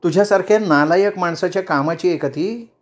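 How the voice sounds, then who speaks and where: A man's voice: high voice, a little fast, pitched above the performer's own voice, natural voice. A man doing a proud woman politician. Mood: stern. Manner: firm, cutting, self-assured.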